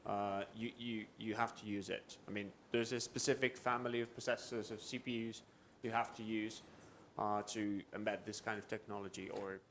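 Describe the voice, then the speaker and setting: A man moderating a conference question session, briskly inviting questions and thanking the speaker. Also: fairly low pitch, flat delivery, a bit bright, a little hiss or hum.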